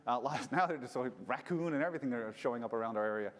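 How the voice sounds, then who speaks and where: A man's voice: medium pitch, animated, rapid-fire, in a large hall. A man casually telling a personal story as a relationship coach, candid and swearing freely. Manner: candid, swears freely, grows heated retelling the fight.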